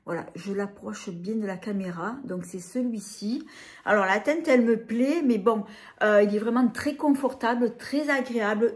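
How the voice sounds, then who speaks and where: A woman's voice: fairly high pitch, darkish tone. Hesitant French woman reviewing makeup. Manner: hesitant, many fillers and restarts. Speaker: beauty vlogger. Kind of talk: casual product review.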